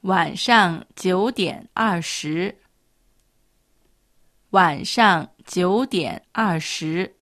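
A woman co-teaching a language lesson, pronouncing model phrases slowly and carefully. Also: fairly low pitch, fairly bright tone, no echo, studio quality. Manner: slow, careful model pronunciation.

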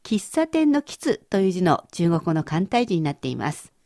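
A woman teacher explains vocabulary on a radio language lesson, patient and careful as she breaks each word down. Her voice sits a little low but swings widely in pitch. The studio sound is close and dry. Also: big pitch swings, moderate pace, warm tone, dry recording.

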